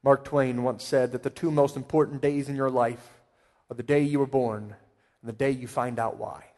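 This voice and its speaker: A male pastor preaching a sermon with emphatic swells and quiet asides. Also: mid-range voice, steady tone, moderate pace. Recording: long hall reverb.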